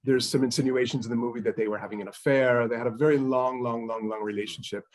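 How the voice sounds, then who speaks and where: A man hosting a film interview, asking questions in a brisk, friendly way. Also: medium pitch, steady tone. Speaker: interviewer, festival host. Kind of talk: interview conversation.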